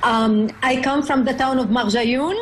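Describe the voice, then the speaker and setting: High-voiced middle-aged woman. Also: fairly even intonation, a little hiss or hum, rough recording. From Lebanon. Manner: earnest, deliberate, with frequent hesitations. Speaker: interview guest. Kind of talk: personal testimony in an interview.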